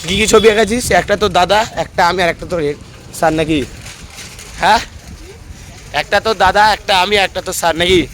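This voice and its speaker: A young man chatting to viewers while filming a casual phone vlog at home and on local roads, slightly hoarse. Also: high voice, fairly even intonation, fairly quick, pauses often, fairly bright tone, a little hiss or hum. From India. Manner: chatty, addresses viewers as "guys". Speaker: vlogger.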